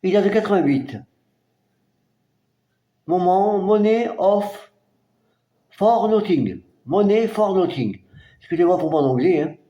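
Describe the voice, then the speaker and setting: Slow, halting Frenchman in an echoey room. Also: high-pitched, expressive, warm tone, lo-fi sound. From France. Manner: slow, hesitant, halting delivery with many fillers. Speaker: record collector presenting his albums. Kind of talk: casual collection show-and-tell.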